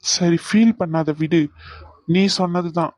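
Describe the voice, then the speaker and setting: A woman's voice: lowish voice, unhurried, a little mellow, no room sound, clean studio sound, natural voice. A woman voicing a young man in an audio drama romance, teasing and coaxing his girlfriend. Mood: affectionate teasing.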